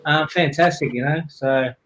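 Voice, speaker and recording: A man's voice: on the high side, steady tone, normal speed, a bit bright, rough recording. A man with an Australian accent hosting a live stream casually, reading viewer comments aloud in an upbeat way. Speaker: host.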